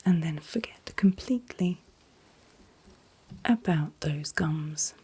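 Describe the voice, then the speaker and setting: A woman doing a whispered role-play as a calm dentist, speaking in a breathy whisper with gentle, reassuring, unhurried instructions. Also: sits low. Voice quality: breathy, mostly unvoiced whisper. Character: calm, attentive dentist soothing a patient. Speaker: ASMR performer playing a dentist.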